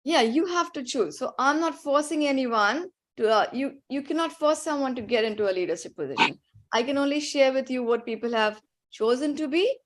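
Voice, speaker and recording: A woman's voice: high voice, expressive, brisk. A woman with an Indian accent teaching children on a video call, patient and encouraging as she instructs and prompts them. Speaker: teacher leading an online religious class for children.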